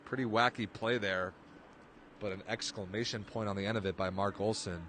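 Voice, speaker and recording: A man's voice: lowish voice, a little fast, background noise. A man calling a volleyball match live, play-by-play, his voice jumping up on big plays. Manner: excitable, voice jumps up on big plays. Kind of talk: live sports commentary.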